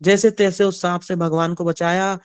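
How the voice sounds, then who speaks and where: Man, devotional storytelling sermon, animated, high pitch, dry close sound. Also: moderate pace, clean tone, no echo. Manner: animated storytelling, asks the audience. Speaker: spiritual storyteller.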